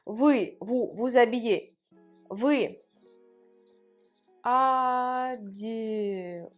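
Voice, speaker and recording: A woman's voice: fairly high pitch, animated, measured pace, faint music behind. A woman with a Russian accent teaching a language lesson, explaining rules and saying each form twice for learners to repeat.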